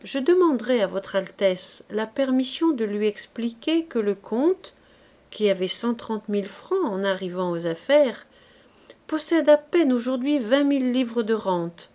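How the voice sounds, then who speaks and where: Casting: a reader doing a calm court lady in an audiobook, measured and fairly high. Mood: grave. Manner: measured, cool and direct. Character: composed, shrewd duchess, a calm court lady. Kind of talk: audiobook reading.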